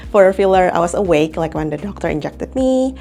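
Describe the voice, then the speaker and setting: A woman's voice: fairly low pitch, expressive, a little fast, creaky, dark tone, soft background music. A young woman from Indonesia, chatting casually in a vlog about her recovery, with frequent little laughs and fillers. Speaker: clinic employee and patient.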